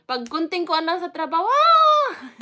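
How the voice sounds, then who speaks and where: A chatty Filipino woman hosts a casual live stream, calling out viewers by name between stretches of easygoing talk. Her voice sits high and sounds bright and crisp, and her speech is loose and full of fillers. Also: measured pace. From Philippines. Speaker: vlogger greeting live chat viewers.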